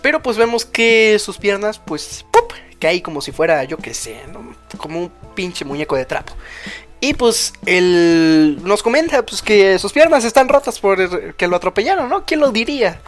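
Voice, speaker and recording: A man's voice: sits high, sing-song, normal speed, faint music behind. Slangy Mexican guy recapping anime. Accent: Mexican Spanish. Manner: slangy, rambling retelling with many fillers. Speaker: podcast co-host.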